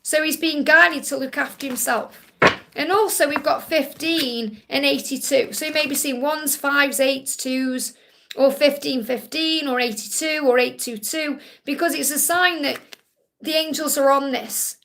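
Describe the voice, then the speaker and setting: A woman with a Stoke accent and a high, creaky voice with a bright, forward edge. She hosts live psychic card readings, talking to viewers in a reassuring manner. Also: unhurried, slight background noise. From Stoke, England. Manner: reassuring, repeatedly checking with "okay?".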